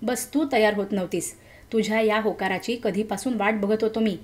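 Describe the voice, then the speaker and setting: A woman's voice: medium pitch, steady tone, normal speed, a little mellow, lightly acted. A woman voicing an affectionate young man in a story, soothing and reassuring. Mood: happy.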